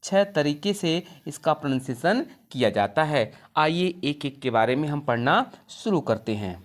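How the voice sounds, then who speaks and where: A woman teaching an English lesson in a classroom style, asking questions and answering them herself, and drawing out example words slowly. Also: low voice, lively intonation. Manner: slow, drawn-out words when spelling out examples.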